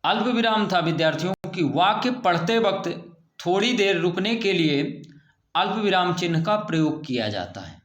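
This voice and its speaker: A man's voice: high voice, lively intonation, normal speed, fairly bright tone. A male school teacher gives a patient, explanatory grammar lesson to students and repeats the key points. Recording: echoey room.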